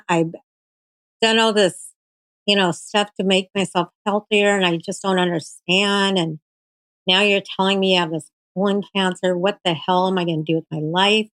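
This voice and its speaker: Halting, emotional woman telling her story. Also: medium pitch, fairly bright tone, no echo, rough recording. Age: 40s. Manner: halting and emotional, full of fillers and restarts. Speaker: guest. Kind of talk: personal story in a live-stream interview.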